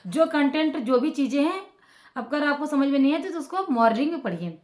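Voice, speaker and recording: A woman teacher giving informal study advice to students, in a chatty way that repeats phrases and fills pauses with "ok". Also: high voice, expressive, a little mellow, echoey room. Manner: conversational, repeats phrases with frequent fillers and "ok".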